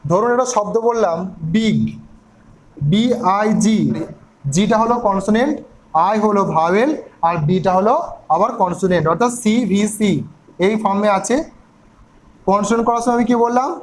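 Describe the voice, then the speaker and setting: A man's voice: sits high, slight background noise, rough recording. A man teaching an English grammar lesson, spelling words out letter by letter and asking his listeners questions.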